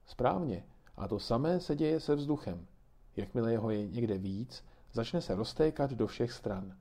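A man's voice: mid-range voice, lively intonation, dark tone. A man reading aloud and voicing a kindly grandmother who patiently explains things to children. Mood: patiently explaining.

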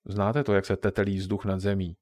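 A man voicing a kindly old grandmother who patiently explains things to her grandchildren, in a low voice. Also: level tone, a little mellow, no echo, close to an everyday voice.

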